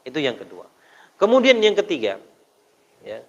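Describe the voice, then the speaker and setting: A man's voice: on the high side, wildly swooping pitch, moderate pace. A man preaching to a mosque congregation, telling stories and throwing rhetorical questions at the listeners. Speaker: Islamic preacher. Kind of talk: mosque study sermon. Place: mosque hall. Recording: dull, long hall reverb.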